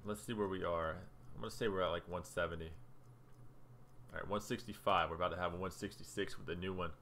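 A man's voice: low voice, steady tone, fast talker, sharp tone, slight background noise. A young man casually talking through his game stats as a gaming video creator, chatty and loose while scrolling through menus. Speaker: gaming YouTuber. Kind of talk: casual gameplay commentary.

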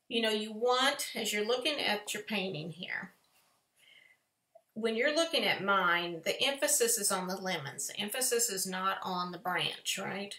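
A woman's voice: medium pitch, unhurried, pushed and bright. A woman, giving a chatty, folksy step-by-step painting lesson in a live tutorial. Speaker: painting teacher. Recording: echoey room.

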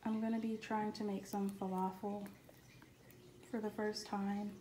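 A woman talks through her grocery haul in a relaxed, matter-of-fact way. Her pitch barely moves. The room rings with echo, and noise sits clearly behind her. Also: measured pace. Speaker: vlogger. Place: home kitchen.

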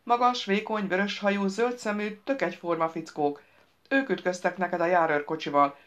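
A woman reading an audiobook, voicing a practical male cop who speaks briskly and matter-of-factly. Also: lowish voice, steady tone, dull audio, natural voice.

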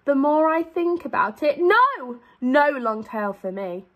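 Reading a picture book to her class, a young primary school teacher speaks in a high, sing-song voice that's a bit bright and a little slow. She's expressive throughout and draws out key words for emphasis.

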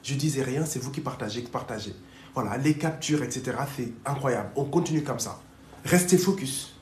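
A man's voice: mid-range voice, fairly quick, darkish tone, slight background noise. A man hosting a casual livestream as a dating coach, chatting upbeat and urging viewers to share. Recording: echoey room.

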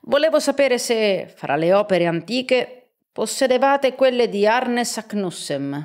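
A woman's voice: fairly high pitch, lively intonation, unhurried, pitched above the performer's own voice. Woman reader as impatient eccentric professor, audiobook, eager exclamations.

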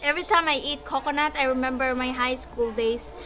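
A woman's voice: high voice, brisk. A woman in her thirties with a Filipino accent, chatting informally to viewers in a casual home vlog. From Philippines. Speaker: family vlogger.

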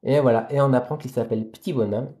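A man with a mellow, dark voice reads a novel aloud at a steady pace, speaking into a phone on a live stream. Between passages he chats with viewers in plain, hesitant speech. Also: mid-range voice, fast. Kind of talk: live reading aloud with chatty asides to viewers.

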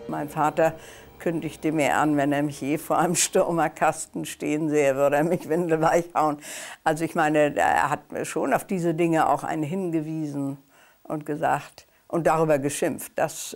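A woman in her eighties giving a halting personal recollection in an interview, searching for her words. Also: low-pitched, gravelly. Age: 80s. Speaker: eyewitness interviewee.

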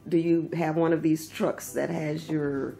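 A woman interviewing a guest, asking meandering, halting questions. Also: low voice, little pitch movement, vocal fry, dark tone. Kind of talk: conversational interview.

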